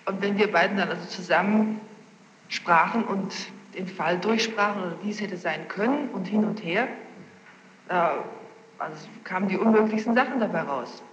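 A young adult woman with a medium-pitched voice speaks at normal speed as a witness under questioning, spontaneously and insistently recounting events and repeating words for emphasis. The taped interrogation takes place in a reverberant room, preserved on noisy, muffled, echoey archival tape.

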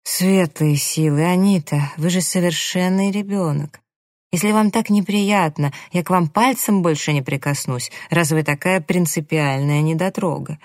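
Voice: mid-range voice, no echo, clean studio sound, close to an everyday voice. A reader voicing a condescending man who coaxes his secretary in an audiobook. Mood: mocking. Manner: coaxing, slow, smirking. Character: male employer, smooth seducer, condescending. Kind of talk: audiobook character reading.

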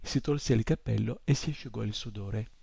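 Gravelly-voiced man reading a story. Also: lowish voice, normal speed, dry recording. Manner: steady storytelling. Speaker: narrator. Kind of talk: audiobook reading.

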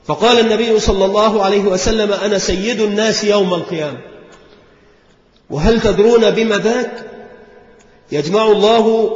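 A man teaching a religious lesson, narrating a hadith in an earnest preaching cadence. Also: sits high. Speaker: Islamic scholar teaching a creed text. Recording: echoey hall, dull lo-fi recording.

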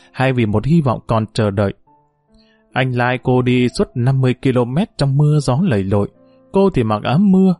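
A man reading a novel aloud in steady, measured storytelling narration. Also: mid-range voice, dry recording.

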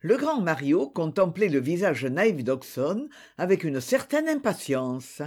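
An audiobook narrator giving an expressive, theatrical scripted reading of a detective novel. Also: mid-range voice, measured pace.

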